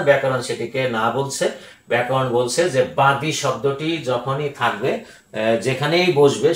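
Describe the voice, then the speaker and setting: A man with a Bangladeshi Bengali accent teaching a grammar lesson, speaking slowly and deliberately, repeating each word and often pausing on "ah". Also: mid-range voice, fairly bright tone, echoey room, slight background noise, poor audio.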